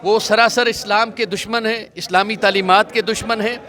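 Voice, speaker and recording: A male religious scholar answering a reporter outdoors, speaking in a measured preaching cadence and citing scripture. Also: high-pitched, fairly even intonation, sharp tone. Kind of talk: street interview answers.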